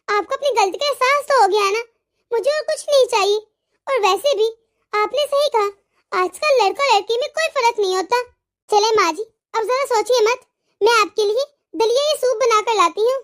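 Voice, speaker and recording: A woman voicing a kind, forgiving elder daughter-in-law in a cartoon, gentle and reassuring. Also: very high voice. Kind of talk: cartoon voice acting.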